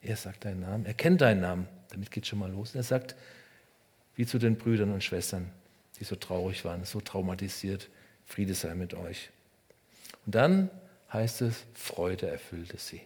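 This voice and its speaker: Husky low-voiced preacher. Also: male voice, a little fast. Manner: short phrases swinging from loud emphasis to hushed, near-whispered lines; addresses the listener directly and personally. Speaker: pastor. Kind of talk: sermon.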